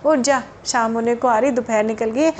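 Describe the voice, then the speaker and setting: A woman's voice: on the high side, steady tone, normal speed, slight background noise, close to an everyday voice. A woman playing an impatient scolding mother. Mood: coaxing. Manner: scolding, exasperated.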